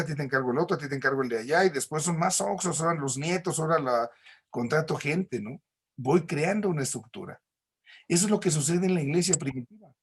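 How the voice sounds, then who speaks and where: A man's voice: a little high, breathy edge. A man with a Mexican accent teaching a recorded church class, explaining patiently with homely examples and frequent tag questions.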